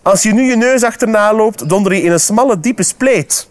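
A Flemish man voicing a smug, mocking male frog with a croaking voice in a children's storybook reading. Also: high voice, moderate pace, pitched above the performer's own voice, lightly acted. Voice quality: croaking, teasing.

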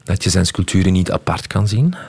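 A man being interviewed on the radio, explaining an exhibition in a thoughtful, halting way with many fillers and restarts. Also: low voice, expressive, vocal fry, darkish tone, slightly rough. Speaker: festival artistic director, guest.

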